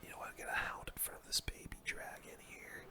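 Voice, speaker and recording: A gaming host murmurs fairly quick, casual play-by-play into a close mic, using gamer slang in a soft, unvoiced ASMR whisper that's breathy throughout.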